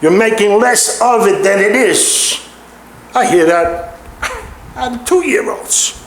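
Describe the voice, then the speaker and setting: A slow, deliberate middle-aged preacher man with a fairly high voice, leaning hard on repeated words. The sermon is captured in a roomy church hall with clear echo and a faint hiss underneath. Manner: emphatic, repeating key words for weight.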